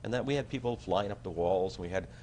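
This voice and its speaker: A man with a low voice talks fast, with slight background noise, first chatting as a talk show guest and then performing a comedic magic routine. A magician and stage effects designer, he's animated and jokey, full of playful showman patter and bursts of hummed tune.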